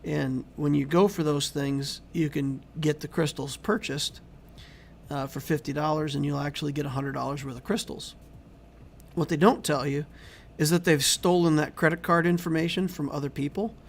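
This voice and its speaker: A man hosting a casual game livestream, reading and answering viewer chat in a rambling, conversational way while he keeps losing his voice and clearing his throat. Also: fairly high pitch, steady tone, moderate pace, slight background noise. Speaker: YouTube game channel host.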